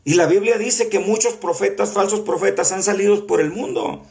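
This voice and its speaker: Earnest preacher teaching scripture. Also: male voice, sits high, moderate pace, creaky, darkish tone. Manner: earnest, conversational, frequent filler sounds and restarts while quoting scripture. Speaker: apostle teaching a prophetic school class. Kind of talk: sermon-style Bible teaching.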